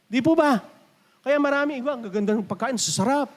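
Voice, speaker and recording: High-voiced Filipino pastor preaching in a reverberant church. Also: male voice, fast. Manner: preaching in Tagalog mixed with English, calling for amens. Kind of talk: sermon.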